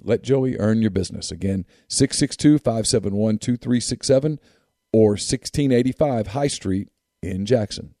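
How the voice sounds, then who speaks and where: A man's voice: medium pitch, dark tone, no room sound, clean studio sound. A man, hosting a sports podcast with sponsor reads and casual talk.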